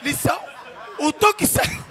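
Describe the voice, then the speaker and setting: A male comedian, doing a crude, mocking stand-up roast that switches between shouting and sing-song teasing. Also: very high-pitched, measured pace, a faint crowd.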